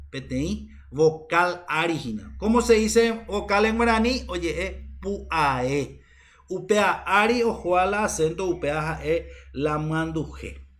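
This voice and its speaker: Male teacher lecturing. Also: fairly high pitch. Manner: explains by mixing Spanish and Guaraní, with many repeated fillers. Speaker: Guaraní language teacher. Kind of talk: classroom lecture. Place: university classroom.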